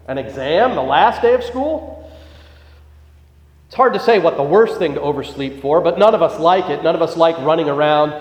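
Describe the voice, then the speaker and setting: A pastor delivering a sermon, telling a joke story and then explaining scripture. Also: male voice, on the high side, lively intonation, moderate pace. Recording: echoey hall, dull lo-fi sound.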